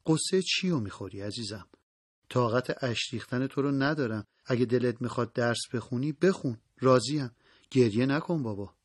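A man's voice: mid-range voice, husky, no room sound, studio quality, lightly acted. A man voicing a middle-aged father who talks to his daughter in an affectionate, pleading way, in an audiobook reading. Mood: fatherly. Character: middle-aged father, gentle but worried.

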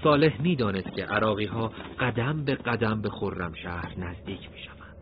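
A man narrating an audiobook story in a steady, measured way. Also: fairly low pitch, dull audio, a little hiss or hum.

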